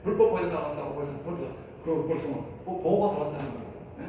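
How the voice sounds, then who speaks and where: A man's voice: a little high, fast talker, mellow, slight background noise. A man preaching a sermon as pastor, emphatic, repeating phrases and asking his hearers rhetorical questions. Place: church hall. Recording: echoey hall, voice heard from far off.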